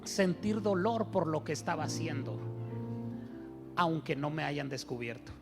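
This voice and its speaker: Pastor preaching, pretty high voice, tells stories and asks the church questions. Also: male voice, a little slow, creaky, over music. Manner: storytelling, rhetorical questions, animated preaching. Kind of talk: sermon.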